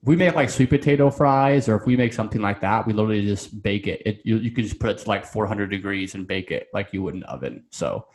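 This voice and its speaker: A man's voice: on the low side, lively intonation, quick pace, few pauses. A man guest on a podcast, talking casually and rambling with many fillers and restarts. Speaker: coaching client guest.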